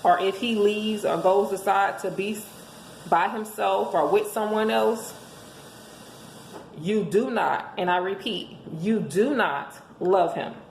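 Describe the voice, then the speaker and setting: A hoarse woman, speaking slowly in a mid-range voice, delivers an emphatic, preachy motivational monologue as a host offering relationship advice to listeners, full of rhetorical questions. She's indoors at home, in an echoey room with faint background noise.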